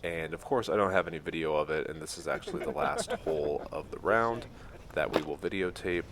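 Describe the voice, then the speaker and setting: Deep-voiced man narrating a golf vlog. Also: brisk, crowd noise. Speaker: golf vlogger. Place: outdoors on a golf course. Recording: noisy outdoor recording.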